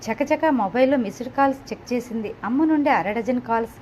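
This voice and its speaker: Woman reading a novel, slightly higher voice. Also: brisk, a little mellow, slight background noise. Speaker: audiobook narrator. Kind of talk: reading a novel aloud, voicing all characters. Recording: slightly dull, lo-fi home recording.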